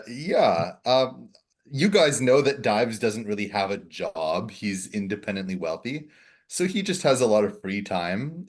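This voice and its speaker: A man plays his character at a tabletop session, speaking with a lowish voice. He talks in a relaxed, easygoing way as he explains his character. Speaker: player.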